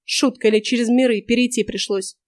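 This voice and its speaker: A woman reading an audiobook and voicing a scheming, cranky old witch who grumbles slowly and slyly, in a dry, close sound. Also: fairly high pitch, fairly even intonation, no room sound, close to an everyday voice. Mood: grumbling.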